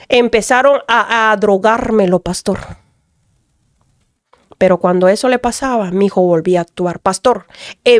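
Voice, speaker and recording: A woman gives an earnest testimony as a mother. She keeps turning to address the pastor in a mid-pitched voice. The recording is dry, with little room sound. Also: a little mellow, no echo. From Dominican Republic. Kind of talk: radio testimony.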